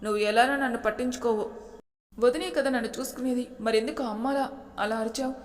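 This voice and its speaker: A woman's voice: a little high, brisk, natural voice. A woman voicing a curt, reproachful young man in a storybook reading with a long hall reverb.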